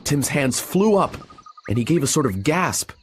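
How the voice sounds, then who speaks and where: A man narrating an adventure storybook in an expressive reading style. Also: a little high, moderate pace, a little hiss or hum.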